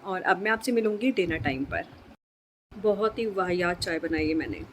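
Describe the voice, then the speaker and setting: A woman's voice: on the low side, normal speed, slight background noise. A woman vlogger chatting casually to her viewers, easygoing and thinking aloud as she talks. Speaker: lifestyle vlogger. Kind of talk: casual chat to camera.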